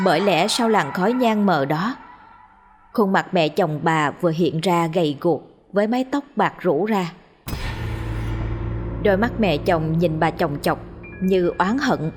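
Woman storyteller, lowish voice, steady suspenseful ghost-story reading, faint music under it. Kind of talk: scripted narration of a ghost story.

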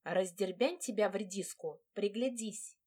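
A woman voicing a fiery, bold young bride who snaps out sharp commands. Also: mid-range voice, measured pace, close to an everyday voice. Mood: exasperated.

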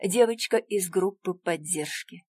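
A woman narrating a first-person audiobook in a quiet, tense, measured voice. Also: on the low side, slightly rough, no room sound.

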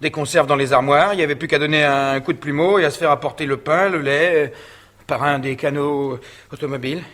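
An actor playing a frightened, deferential butler who stammers in a 1970s radio drama. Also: male voice, on the high side, fairly even intonation, a little fast, fairly bright tone, lightly acted. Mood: nervous. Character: frightened middle-aged male butler Roger.

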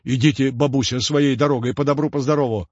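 A man voicing a stern, gruff male yard sweeper who is easily frightened. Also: medium pitch, steady tone, quick pace, a little mellow, dry recording, lo-fi sound, lightly acted. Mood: forced firm.

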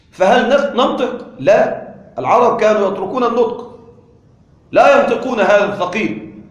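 High-voiced male teacher quizzing his class. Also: dull audio. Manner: repeats points and quizzes listeners with questions; stretches words slowly when demonstrating pronunciation. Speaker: grammar teacher. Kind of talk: classroom lesson. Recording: echoey room.

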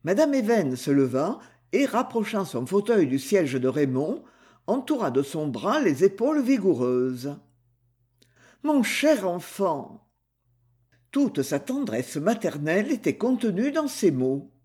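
Slow husky male audiobook narrator. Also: high-pitched, sing-song, mellow. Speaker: audiobook reader. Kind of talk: scripted novel narration.

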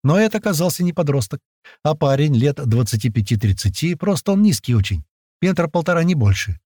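A man narrating a first-person audiobook in a lively, slangy, conversational way. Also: on the high side, brisk, no room sound, clean studio sound.

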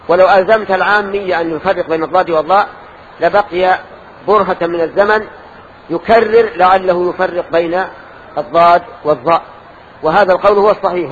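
An older man teaches a lesson in a mosque, asking his students questions and correcting their answers. His voice sits high for a man. The recording is dull and lo-fi, with a faint hiss underneath. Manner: quizzing students, correcting them, explaining. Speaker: religious teacher.

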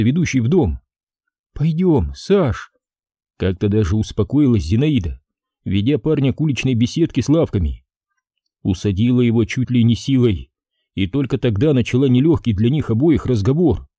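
Expressive male storyteller for an audiobook; deep-toned, husky, dry studio sound. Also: brisk, dry recording. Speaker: audiobook narrator. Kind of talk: scripted narration.

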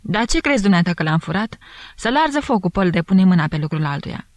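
A woman voicing a young peasant servant woman who wails and protests in loud country speech. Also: medium pitch, expressive, gravelly, dry recording, voice pushed up. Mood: wailing.

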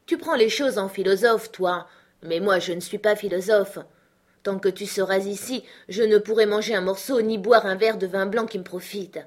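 A woman's voice: medium pitch, normal speed, lightly acted. A woman voicing a plain-spoken, worried brother-in-law who pleads bluntly and earnestly.

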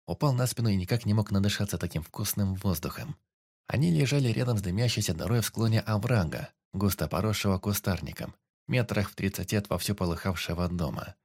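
Low-voiced male audiobook narrator. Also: darkish tone. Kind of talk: scripted narration.

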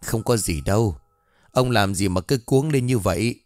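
A man voicing an anxious old wife who pleads quickly with her husband in a ghost story. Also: on the low side, darkish tone, no room sound, soft background music, lightly acted. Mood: reassuring.

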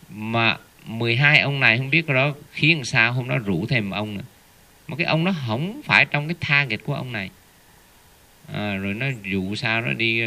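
A man's voice: on the low side, pushed and bright. A man giving a Buddhist dharma talk, telling a story and often asking his listeners rhetorical tag questions. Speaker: Buddhist teacher.

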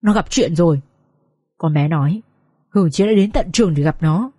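A woman's voice: lowish voice, moderate pace, mellow, breathy edge, no echo, studio quality, voice pushed down. A woman reading as a panicked old grandfather. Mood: desperate. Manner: urgent, stammering under panic. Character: frightened old grandfather, anxious and pleading.

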